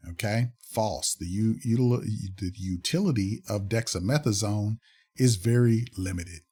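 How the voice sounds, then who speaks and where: A man giving casual commentary on fact-check articles, reading passages aloud and pausing often with fillers and restarts. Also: lowish voice, dark tone, breathy edge. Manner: halting, many fillers and restarts, reads aloud then comments.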